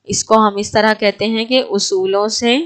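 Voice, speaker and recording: A woman's voice: mid-range voice, little pitch movement, clear, resonant tone. A woman teaching an exam prep lecture, asking her class questions and then answering them herself.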